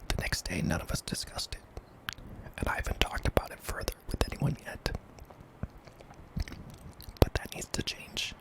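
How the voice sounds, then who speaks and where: A man narrating a scary story in a hushed, breathy ASMR whisper, deliberate and broken into short phrases. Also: low-quality recording. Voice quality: breathy, mostly unvoiced whisper with some creak.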